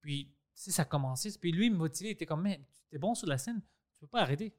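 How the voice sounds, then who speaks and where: A man's voice: on the high side, quick pace. A man speaking French with an English accent, a podcast host chatting animatedly and acting out what others said. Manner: animated, acts out quoted dialogue, mixes in English words. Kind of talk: casual conversation.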